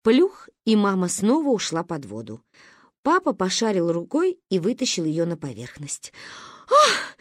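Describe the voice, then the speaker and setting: Expressive woman reading a story. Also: lowish voice, moderate pace, dry recording, studio quality. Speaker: narrator. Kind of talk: audiobook reading.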